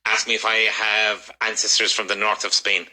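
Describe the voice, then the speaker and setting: Irish-born male English teacher, bright tone, low-ish voice, brisk corrections. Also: flat delivery, rough recording. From Ireland. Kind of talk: classroom drilling.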